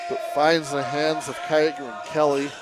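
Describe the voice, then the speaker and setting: A man's voice: on the high side, fairly even intonation. Man calling a basketball game live. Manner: brisk play calling that rises into shouts on big plays. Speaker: play-by-play commentator. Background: basketball game noise.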